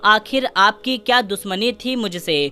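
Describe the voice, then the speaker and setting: A woman's voice: medium pitch, bright, forceful tone, smooth, faint music behind, close to an everyday voice. A woman voicing a young princess in a folk tale, speaking plaintively and reproachfully. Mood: grieving.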